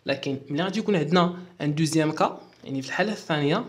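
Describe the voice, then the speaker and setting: A man's voice: on the high side, very fast. A man with a Moroccan accent explaining French verb endings in a lesson and spelling out endings letter by letter. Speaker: French teacher.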